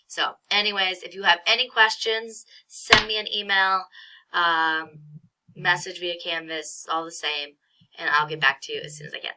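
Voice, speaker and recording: Bright-voiced woman, congested with a cold. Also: lowish voice, steady tone, moderate pace, rough recording. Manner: casual, chatty, self-deprecating. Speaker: college math instructor. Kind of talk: screen-recorded course tour.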